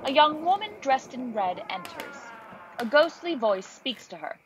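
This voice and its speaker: A woman's voice: high-pitched, big pitch swings, measured pace, background noise. A woman narrating, reading stage directions from a script.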